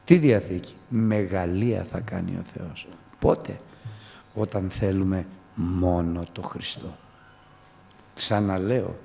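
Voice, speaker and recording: A man's voice: lowish voice, creaky, darkish tone, in a large hall. A man preaching a fervent sermon, repeating phrases and calling his listeners brothers.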